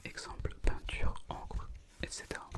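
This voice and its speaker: Woman's intimate ASMR whisper. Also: a little slow. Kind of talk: whispered ASMR reading of an educational art history script.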